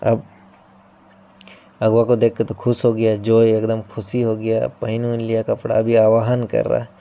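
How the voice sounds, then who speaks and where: Guy teaching an exam class, very dark gravelly voice, keeps asking theek hai. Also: on the low side, completely flat delivery, a little slow. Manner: explains through playful memory tricks, often checks in with "theek hai". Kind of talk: coaching-class lesson.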